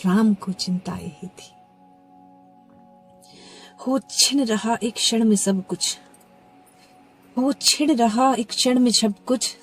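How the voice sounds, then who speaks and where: A woman reciting devotional poetry with expressive delivery, her voice swelling and sinking to soft near-whispers on the refrains. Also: on the high side, breathy edge. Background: faint background music.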